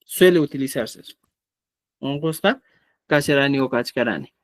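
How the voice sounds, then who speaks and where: A man's voice: mid-range voice, lively intonation, moderate pace, no room sound, studio quality. A man teaching a live online language class, explaining patiently and often checking in with the students. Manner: explanatory, checks understanding with frequent "¿ya?". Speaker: Quechua teacher.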